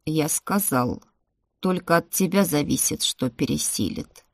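A woman reading an audiobook, voicing an old shaggy-haired male shaman who speaks in slow, measured, cryptic pronouncements. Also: deep voice, expressive, vocal fry, dry recording, studio quality, voice pushed down, full character voice. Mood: grave, cryptic. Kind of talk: audiobook character voice.

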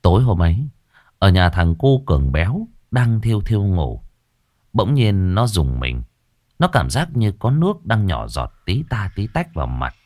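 Deep-voiced man telling ghost stories. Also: moderate pace, no room sound, clean studio sound. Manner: dramatic, expressive storytelling. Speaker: storyteller. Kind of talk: ghost story narration.

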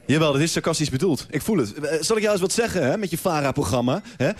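A man's voice: a little high, expressive, fast, some chatter behind. A man playing a self-important male TV producer in a radio comedy sketch, talking in a pompous, preachy way. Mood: lecturing.

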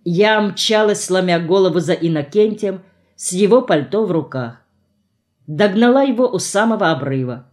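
A woman narrating a novel in the first person, in a measured, expressive audiobook reading. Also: mid-range voice.

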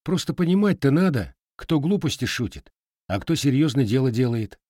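Lead hero, audiobook: male reader as a calm, wry young Cossack, firm and teasing. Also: mid-range voice, moderate pace, dry recording, studio quality, pitched above the performer's own voice. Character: steady young Cossack marksman, mocking.

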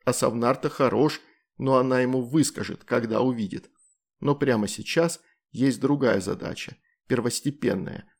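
A man narrating a fantasy storybook in an even, measured way. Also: medium pitch. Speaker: audiobook narrator.

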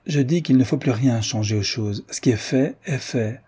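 A cool, reserved young aristocratic wife in a period story, voiced by a man reading aloud. She keeps her answers short and clipped. The voice stays dark and breathy. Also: mid-range voice, brisk, lightly acted.

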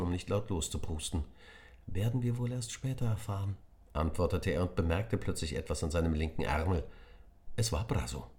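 Deep, lively male audiobook narrator. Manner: expressive storytelling.

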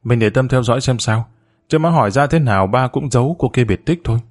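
A man's voice: medium pitch, fast talker, lightly acted. A man reading as a worried, earnest grown daughter.

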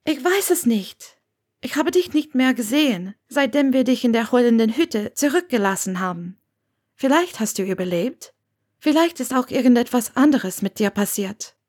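A woman reading a fan fiction audiobook, narrating calmly and evenly. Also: a little high, moderate pace, slightly rough. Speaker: audiobook reader.

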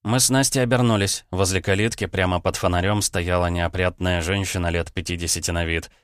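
Male audiobook narrator, low voice, smooth tone, dry close booth, steady first-person telling. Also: brisk, no echo.

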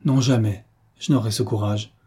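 A man voicing a gravely ill, grieving noble mother in an audiobook, weak and pleading. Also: on the low side, steady tone, normal speed, dark tone. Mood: anguished.

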